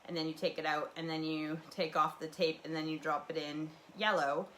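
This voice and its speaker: A low-voiced woman from the Canadian prairies hosts a casual home livestream, keeping a level, sharp tone at a moderate pace as she chats. She drifts from thought to thought with plenty of fillers and restarts. The webcam mic's audio is poor, with a faint hum of ambient noise underneath.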